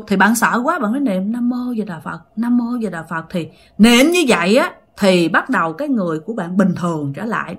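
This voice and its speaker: A husky yet fairly bright voice on the high side carries this woman's casual ghost story. Chatty throughout, she repeatedly speaks straight to her audience.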